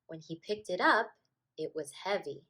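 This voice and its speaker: A woman teacher reads a children's picture book aloud, telling the story in a deliberate, expressive way. Her voice sits on the low side.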